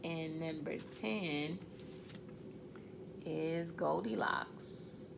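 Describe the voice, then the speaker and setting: A middle-aged woman giving a casual spiritual card reading, talking loudly and rambling with fillers and self-corrections. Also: lowish voice, vocal fry, noisy background. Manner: loud, talks up when excited. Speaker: tarot card reader.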